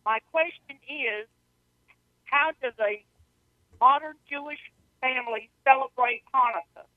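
A woman's voice: sits high, a little slow, no room sound. A woman calling into a radio show over the phone, speaking so faintly she is barely audible, asking a question. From North Carolina, US. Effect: heard over a phone line. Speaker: caller. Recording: tinny phone line.

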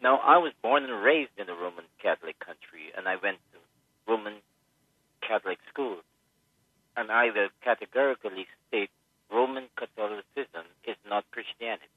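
An older man from Guyana calling a radio show, halting and repeating words before he states his view emphatically. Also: lowish voice, dry recording. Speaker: caller. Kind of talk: call-in radio talk. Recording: tinny phone line, dry.

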